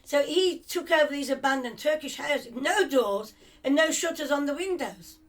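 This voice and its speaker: An older English woman of Cypriot family reminisces about her family's past in conversation, her high, light voice animated yet unhurried. She rambles, drifting and restarting as memories return, more reflective than polished.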